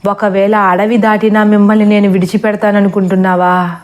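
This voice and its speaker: A woman's voice: medium pitch, flat delivery, a little fast, darkish tone, natural voice. A woman voicing a vengeful female forest spirit who taunts and threatens in a storybook horror tale. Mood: taunting.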